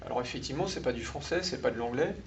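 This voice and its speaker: A man's voice: medium pitch, expressive, very fast. French man explaining web basics to a room. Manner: explanatory, questions the audience. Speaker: meetup speaker. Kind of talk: live tech talk to an audience. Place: meeting room. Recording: slightly dull room recording with faint noise.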